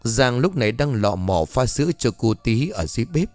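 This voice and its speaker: A man's voice: mid-range voice, sing-song, moderate pace, darkish tone, dry recording, faint music behind. A man telling a scripted horror story, voicing every character himself. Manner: voices all characters himself, shifting tone for dialogue.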